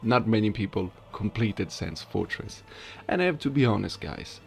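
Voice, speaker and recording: A video creator and amateur voice actor talks informally to his viewers, giving casual commentary on a game voice-acting challenge. His voice sits on the low side with lively intonation, a moderate pace and some vocal fry.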